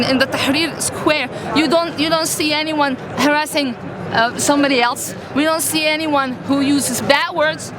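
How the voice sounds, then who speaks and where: A woman with an Egyptian accent gives an impassioned, emphatic street interview, repeating phrases for stress. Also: high voice. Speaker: pro-democracy activist interviewed at a street protest. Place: outdoors in a crowded city square. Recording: outdoor street, loud crowd and traffic noise.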